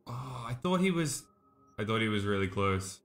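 A young man chatting excitably while commentating his own gameplay, laughing often. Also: fairly low pitch, moderate pace, creaky, soft background music. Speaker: gaming streamer.

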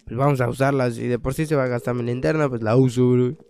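A young man, commentating his own horror game playthrough in a casual way, swearing, thinking aloud and breaking into loud startled outbursts. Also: medium pitch, steady tone, fast talker, creaky, clean tone. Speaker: gaming channel host.

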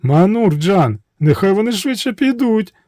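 Man putting on a high shrill princess voice, young, tricky, coaxing, storybook tale. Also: animated, normal speed, darkish tone, no echo, clean studio sound. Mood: fearful. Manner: shrill, pleading, coaxing cries.

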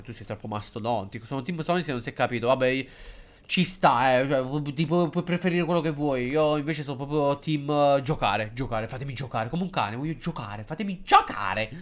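A man giving casual, excitable and jokey live commentary while streaming a game, hesitant and halting whenever he switches into English. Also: mid-range voice. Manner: excitable and jokey, swings between loud outbursts and mumbling.

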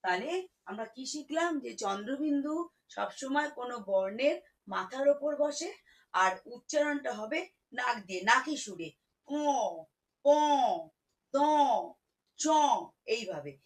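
A woman teaching children to read, spelling words out slowly syllable by syllable. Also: a little high, animated, rough recording. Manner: slow, syllable-by-syllable spelling, warm teacherly coaxing. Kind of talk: children's reading lesson.

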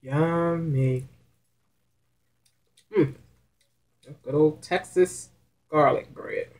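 A woman's voice: low voice, a little slow, darkish tone. A middle-aged woman hosting a mukbang video, chatting casually and appreciatively between mouthfuls. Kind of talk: casual chat while eating. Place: small curtained room at home, indoors.

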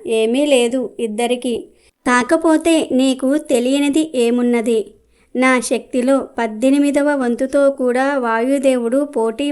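A vain, loud-mouthed tree from a folktale brags about its strength, voiced by a woman. The voice stays smooth, clear and on the higher side. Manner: loud, arrogant boasting. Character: boastful proud silk-cotton tree.

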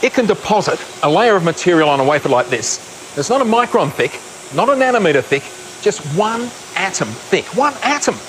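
A man's voice: sits high, sing-song, fairly quick, fairly bright tone, slight background noise. Upbeat male documentary presenter. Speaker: science reporter. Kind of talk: scripted documentary narration. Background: music.

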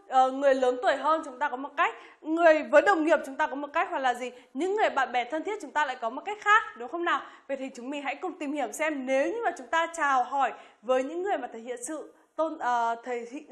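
A woman teaching an English lesson, explaining in a friendly way, checking in with her listeners and slowly modeling each phrase. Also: high voice, fairly bright tone.

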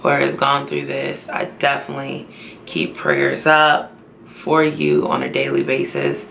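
A young woman talks to her camera at home in an unhurried, heavy drawl. Her voice is strongly gravelly yet bright in tone, tired and close to tears while she tries to sound hopeful. A faint hum of room ambience sits behind her. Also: rumbling low, big pitch swings. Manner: tired, slow and tearful, trying to stay upbeat. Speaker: pregnancy vlogger. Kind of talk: emotional personal vlog.

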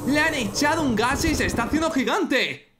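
A young man with an accent from Spain, giving excited, exclamatory reaction commentary as an anime fan. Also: very high-pitched, normal speed, noisy background. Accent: Spanish from Spain. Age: young adult. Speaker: reaction video host.

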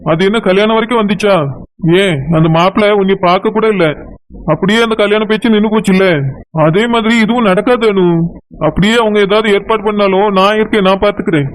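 A man voicing a calm, reassuring young man in a cartoon, with a Tirunelveli Tamil accent. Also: high-pitched, fairly quick, close to an everyday voice, low-quality recording. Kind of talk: cartoon voice acting.

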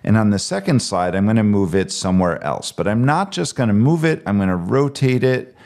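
A man calmly talking step by step through a screen-recorded software tutorial. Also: fairly low pitch, a little fast. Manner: calm step-by-step explaining. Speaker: tech tutorial presenter.

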